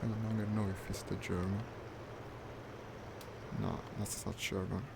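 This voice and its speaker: Noisy stream audio carries a gaming streamer's wry remarks on his flight simulator play, spoken half to himself. His delivery is flat, creaky, a little slow and on the low side.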